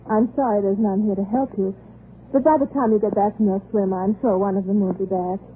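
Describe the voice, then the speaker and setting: A woman's voice: mid-range voice, steady tone, fairly quick, narrow, tinny audio, lightly acted. Genteel anxious lady of the manor, played by a woman. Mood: wary. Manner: polite, hesitant, stammering. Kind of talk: 1940s radio acting. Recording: thin, hissy vintage radio broadcast.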